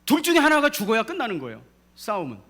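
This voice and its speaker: A man's voice: very high voice, huge pitch swings, quick pace, bright, forceful tone. A man pastor preaching a sermon in a church, drawing responses from the congregation and rising to emphatic peaks. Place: church sanctuary.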